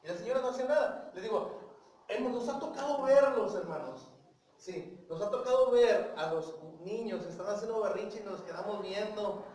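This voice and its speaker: A man's voice: high voice, moderate pace, darkish tone, slight background noise. A man with a Mexican accent teaching a Bible class at church, talking with the congregation and often checking in with "right?" and "yes?". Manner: asks the congregation questions, tags with "¿sí?" and "¿verdad?". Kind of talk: conversational Bible lesson to a congregation. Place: church meeting room. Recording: very echoey room, mic far off.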